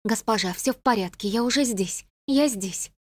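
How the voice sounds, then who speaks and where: A woman's voice: a little high, moderate pace, dry recording, natural voice. A woman reading the part of a fierce, loyal lady-in-waiting in an audiobook. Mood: soothing. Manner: fierce, then tender.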